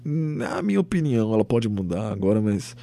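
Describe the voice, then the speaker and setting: A young Brazilian man hosting his own podcast, giving a rambling, animated opinion monologue, swearing freely and acting out quoted voices. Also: on the low side, moderate pace, creaky. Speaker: podcast host.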